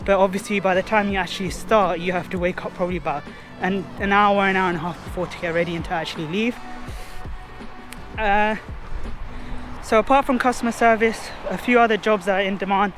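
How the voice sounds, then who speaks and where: A man's voice: sits high, fairly even intonation, fairly quick, a bit bright, soft background music. Chatty young man vlogging outdoors. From London, England. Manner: rambling, filler-heavy, chatty. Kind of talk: casual vlog to camera. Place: outdoors in a city park.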